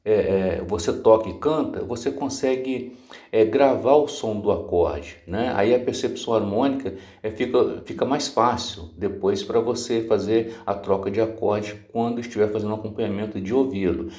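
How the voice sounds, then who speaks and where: A man's voice: fairly low pitch, moderate pace, dark tone. Man teaching guitar by ear. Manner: patient, repeats filler words, sings chord names off-key. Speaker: music teacher. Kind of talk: casual guitar lesson podcast. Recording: roomy sound with guitar playing.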